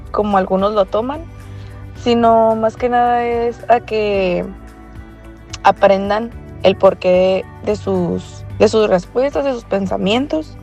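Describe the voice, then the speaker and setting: A woman's voice: mid-range voice, vocal fry. A woman teacher explaining her classroom approach, with small restarts. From Mexico. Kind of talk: interview testimony.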